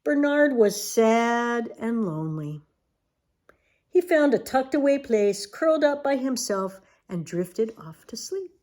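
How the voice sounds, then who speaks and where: An older woman reads a picture book in a gentle grandma voice, pitched fairly high. She takes her time over the words, swings her melody widely and slips into soft asides for the little listener. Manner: gentle grandma voice, slow and expressive. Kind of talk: storybook read-aloud to a young child, with asides.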